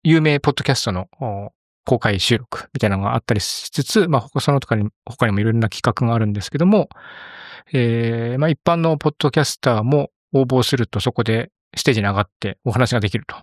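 Middle-aged guy hosting a podcast, talks fast, dry close mic. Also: mid-range voice, no room sound. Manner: brisk, chatty announcements. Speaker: podcast host. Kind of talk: casual podcast chat.

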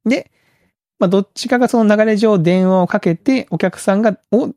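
A man hosts a relaxed podcast conversation, his voice a touch higher than most and gravelly with vocal fry. He wanders through his points with fillers and restarts. The sound is dry and close. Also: a little fast, dry recording. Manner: rambling, with many fillers and restarts. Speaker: podcast host. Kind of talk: casual podcast chat.

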